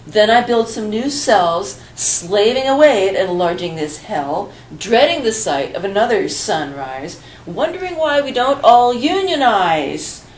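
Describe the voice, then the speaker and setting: A woman's voice: medium pitch, sing-song, measured pace, hardly any pauses, slight background noise. A woman doing a grumbling worker bee. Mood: weary. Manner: weary, complaining. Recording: echoey room with faint ambience.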